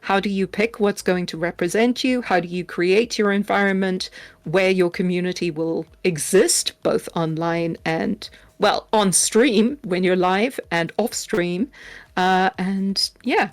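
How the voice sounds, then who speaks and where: A woman's voice: mid-range voice, a little slow, dry recording. A woman guest on a podcast who makes audio content, chatting playfully and laughing at herself. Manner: playful, giggly, self-mocking. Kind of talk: casual podcast chat.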